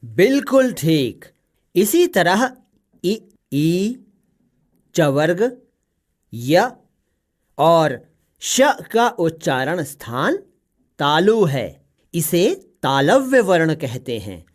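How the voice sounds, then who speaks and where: A woman voicing a patient old male parrot who teaches pronunciation slowly and carefully in a cartoon story. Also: deep voice, very animated, exaggerated voice. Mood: instructive. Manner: slow, careful, spelling out each sound.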